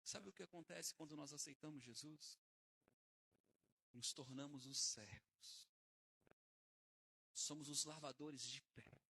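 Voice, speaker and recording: High-voiced, bright preacher man. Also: slow pace, vocal fry, long pauses, husky, low-quality recording. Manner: emphatic, swings between hushed and loud. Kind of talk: sermon.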